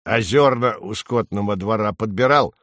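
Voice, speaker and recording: A man voicing a nagging old female crow with a hoarse, unpleasant voice, scolding slowly. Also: on the low side, a bit bright, dry recording, studio quality, close to an everyday voice. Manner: slow, scolding.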